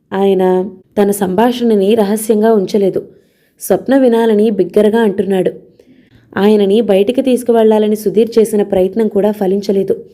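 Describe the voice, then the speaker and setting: A woman narrating a novel as an audiobook reader, in an even storytelling delivery. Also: mid-range voice. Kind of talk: novel reading.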